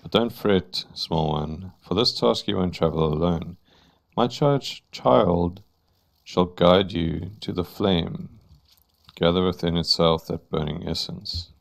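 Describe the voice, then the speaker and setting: A man's voice: low voice, takes it slowly, creaky, exaggerated voice. A man reading the lines of a sinister troupe master in a stately, theatrical way. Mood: grandiose.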